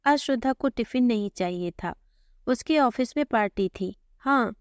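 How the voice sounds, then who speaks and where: A woman narrating a first-person family story in a gentle, conversational way, voicing the dialogue in her own tone. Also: on the high side, animated, unhurried, clean tone, no echo, clean studio sound.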